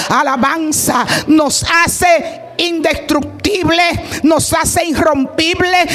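A woman preaching an impassioned Pentecostal sermon, rising into shouted declarations and breaking into tongues. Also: sits high.

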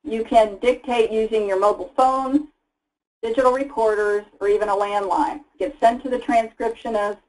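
A woman's voice: fairly high pitch, steady tone, moderate pace, darkish tone, rough recording. Woman presenting a slide webinar. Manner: casual, explanatory, frequent fillers. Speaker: product presenter. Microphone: voice-over for slides.

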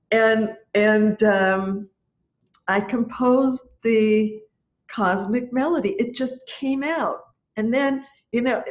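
On a video call from a room in her home, a choir leader and music teacher in her sixties tells a story in a lively, chatty way during a lesson. Her voice sits in the mid-range. The laptop webcam gives the audio a dull, lo-fi quality.

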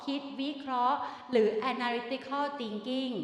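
A middle-aged woman teacher running a lively classroom quiz game, coaxing students and calling them "child". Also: high voice, takes it slowly. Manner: animated, coaxing students, calls them "ลูก". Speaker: university teacher. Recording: echoey hall, long reverb.

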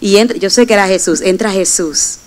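A woman's voice: mid-range voice, a little fast, poor audio. A young adult woman preaching a sermon and giving personal testimony, speaking emphatically and addressing the congregation directly.

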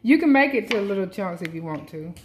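Holding her phone camera in one hand, a cooking vlogger chats casually with viewers while she cooks in her home kitchen. Her mid-range voice is animated and brisk. A pan sizzles in the noisy background.

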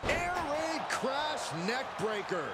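A man playing an excitable play-by-play announcer in a wrestling video game, with dramatic, punchy exclamations. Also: extremely high pitch, slow pace, heavily acted. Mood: excited. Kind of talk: televised wrestling game commentary. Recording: game audio under loud arena noise.

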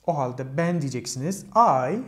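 A male teacher goes through grammar step by step. He asks a question and then answers it himself, and his English has a Turkish accent. The room around him echoes, and his voice sits at a middling pitch. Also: moderate pace, a little mellow.

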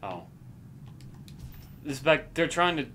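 A man's voice: on the high side, sing-song, slow, sharp tone, a little hiss or hum. A man chatting casually and playfully in slang as he plays a video game and comments on it. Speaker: gamer playing and commenting. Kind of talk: casual gameplay banter.

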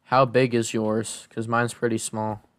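A channel host plays Minecraft on a server with a friend, his medium-pitched voice level, smooth, fairly bright and a little slow. In casual gaming chat he jokes playfully and mutters reactions to the game.

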